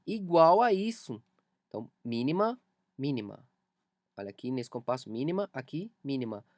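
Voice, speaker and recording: A woman's voice: low voice, darkish tone, no echo. A woman with a Brazilian accent teaching music theory in a video lesson, patiently repeating key points as she explains.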